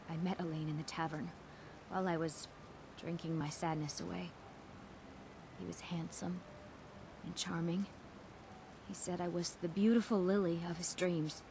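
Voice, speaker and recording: An actress playing a bitter, vengeful jilted woman in a fantasy video game, with intense, emphatic phrasing. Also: fairly low pitch. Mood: wounded, bitter. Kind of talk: dramatic video game voice acting. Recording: game audio with clear background noise.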